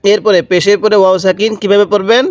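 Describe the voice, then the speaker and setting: A man's voice: high voice, flat delivery, dry recording. A man teaching Quran letter reading step by step, patiently repeating and drawing out each syllable. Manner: patient, repetitive, drawn-out syllables. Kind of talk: step-by-step recitation lesson.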